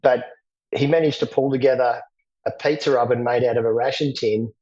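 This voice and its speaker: Australian army veteran, steady storytelling. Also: male voice, medium pitch, brisk, lo-fi sound. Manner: plain, steady storytelling with frequent restarts. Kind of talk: interview recollection.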